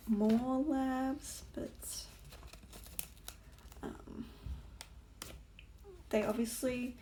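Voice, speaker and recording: A woman's voice: fairly high pitch, a little mellow, a little hiss or hum. Chatty young woman vlogging. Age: young adult. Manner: rambling, chatty, many fillers, drops to whispers while working. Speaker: planner vlogger. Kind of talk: casual plan-with-me chat.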